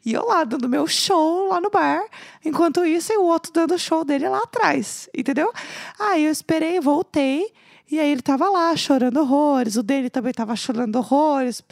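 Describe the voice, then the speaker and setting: A woman's voice: high voice, moderate pace, vocal fry, no echo, studio quality. A woman telling a story in casual chat, acting out the voices of the people in it. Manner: animated, acts out quoted voices.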